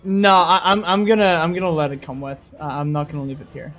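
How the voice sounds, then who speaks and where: A man's voice: fairly high pitch, level tone, fast talker, a bit bright. A man playing a tabletop game, chatting casually and hesitantly.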